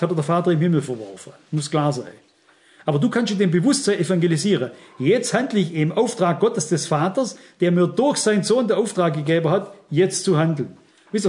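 A man's voice: high-pitched, darkish tone. A middle-aged man preaching a sermon, earnest and emphatic, speaking straight to his listeners.

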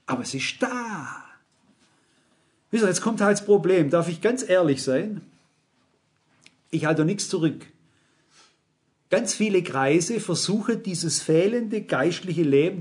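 A man's voice: sits high, darkish tone. A middle-aged man preaching a sermon, frank and emphatic, speaking straight to his listeners. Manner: frank, emphatic, addresses the audience directly.

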